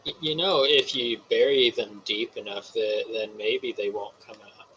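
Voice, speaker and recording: A man playing a tabletop game, making animated sarcastic comments. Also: on the low side, a little slow, slight background noise, low-quality recording. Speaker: player. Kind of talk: casual tabletop play.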